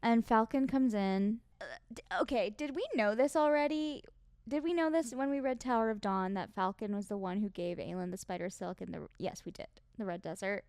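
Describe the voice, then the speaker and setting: A young woman with a smooth, clear mid-range voice, co-hosting a book-club podcast. She chats eagerly, agreeing quickly and laughing along. The recording is dry and close. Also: medium pitch, darkish tone, dry recording. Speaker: podcast co-host. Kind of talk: casual book-club chat.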